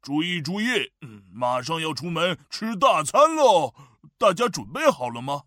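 A woman doing a jolly, calm storybook father who lowers his voice. His pitch moves lively, and he sounds dry and close. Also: unhurried, dry recording, full character voice. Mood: cheerful. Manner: deep put-on voice, cheerful.

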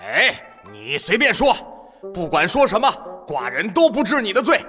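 A man's voice: sing-song, normal speed, pushed and bright, big-room sound, soft background music, heavily acted. A man voicing a vain, blustering ancient king who mocks his guest in a children's story audio drama, with theatrical swings in his delivery. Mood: haughty. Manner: theatrical, swinging pitch, mocking then sheepish.

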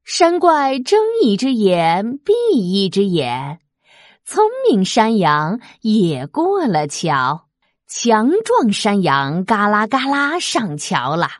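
A woman reading a children's storybook aloud, expressive and lively. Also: medium pitch, no echo, clean studio sound. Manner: slow, lively, expressive, sound effects.

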